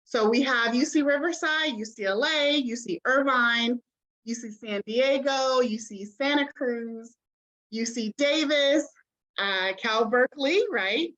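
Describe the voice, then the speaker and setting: A woman's voice: on the high side, a little slow, a bit bright, poor audio. A woman admissions representative giving an online information session over a video call, chatty and encouraging, with many ums and okays.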